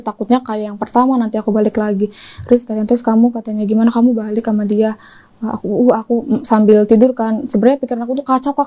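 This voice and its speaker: A young woman telling her personal story in an interview, acting out the lines of the people involved. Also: mellow. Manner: quotes dialogue animatedly, rising pitch when reenacting. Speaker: interview guest. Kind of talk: emotional personal confession.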